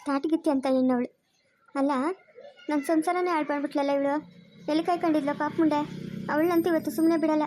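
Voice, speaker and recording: A woman's voice: high-pitched, fairly even intonation, a little fast, pauses often, background noise, close to an everyday voice. A woman doing a wailing, vengeful village mother. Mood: furious. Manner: wailing laments and angry threats. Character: distraught middle-aged village mother, fierce and bitter.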